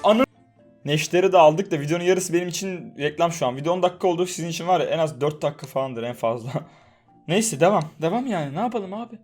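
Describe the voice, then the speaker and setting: A man's voice: fairly high pitch, fast talker, darkish tone, soft background music. Chatty young man doing game commentary. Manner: chatty, swears in jest, soothes game characters. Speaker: gaming YouTuber. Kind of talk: casual mobile game commentary.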